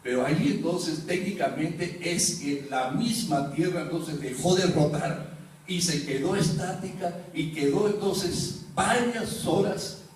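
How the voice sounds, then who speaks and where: A man's voice: a little high, measured pace. A man preaching a sermon as pastor, teaching and putting questions to his congregation. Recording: roomy echo, mic far off, faint room noise.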